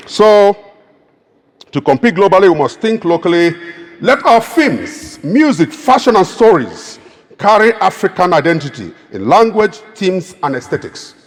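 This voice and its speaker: A Nigerian keynote speaker with a distinct Igbo accent gives a public speech in an emphatic, oratorical manner, pushing each point toward a rousing climax. His pitch swings widely and animatedly, his pace is unhurried, and the long reverb of a large hall surrounds his voice.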